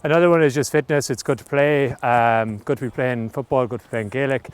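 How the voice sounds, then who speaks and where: A man's voice: mid-range voice, steady tone, brisk, smooth. A man speaking earnestly and with emphasis in a documentary interview outdoors. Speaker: club member.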